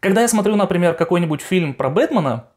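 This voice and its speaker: A man's voice: sits high, expressive, quick pace, darkish tone. A young adult man hosting a game collection video, talking informally and with opinions straight to his viewers. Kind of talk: casual chat to viewers.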